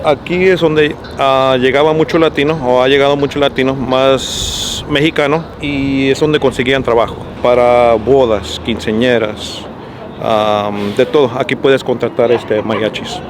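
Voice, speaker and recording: A man from Los Angeles, answering questions in a relaxed, hesitant way outdoors on a city street. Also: mid-range voice, moderate pace, background noise. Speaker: interviewee, photographer. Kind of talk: casual interview.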